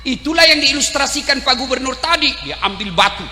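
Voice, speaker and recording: A male preacher giving a humorous, animated sermon to a crowd, shouting and joking. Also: very high voice, fairly quick. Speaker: Islamic preacher. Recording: echoey hall, faint ambience.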